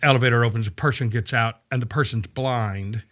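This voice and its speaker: A man explaining scripture in a casual podcast chat, animated and storytelling, often checking in with "right?". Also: medium pitch, a little fast. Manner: animated storytelling, acts out quoted voices, frequent "right?" checks. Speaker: podcast guest discussing scripture. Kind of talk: casual conversational Bible teaching.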